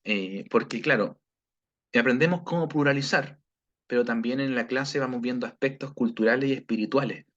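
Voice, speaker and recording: Chilean man, language teacher on a video lesson, patient, keeps checking in with students, mid-pitched voice, slightly dull lo-fi sound. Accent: Chilean Spanish. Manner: patient, checks in with frequent "¿ya?" and "¿cierto?"; slow, careful pronunciation of example phrases. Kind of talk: recorded video lesson review.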